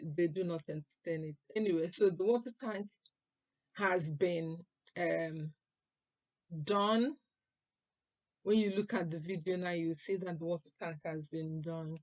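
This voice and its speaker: An older woman talking casually to her viewers in a vlog, chatty and unhurried, with pauses and fillers. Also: on the low side, a little mellow, no echo. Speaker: vlogger. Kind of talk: casual vlog talk to camera.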